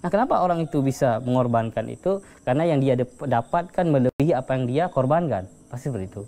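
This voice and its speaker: A man's voice: medium pitch, animated, fast, warm tone. A man giving a casual religious lecture, telling stories with frequent chuckles and acting out quoted voices. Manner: chatty storyteller, chuckles often, acts out quoted voices. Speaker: religious teacher. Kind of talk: informal religious lecture with storytelling.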